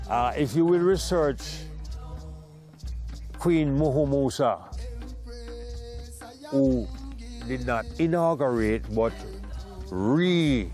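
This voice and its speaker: A Jamaican man telling his story in an interview, in measured Rasta speech. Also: medium pitch, a little mellow.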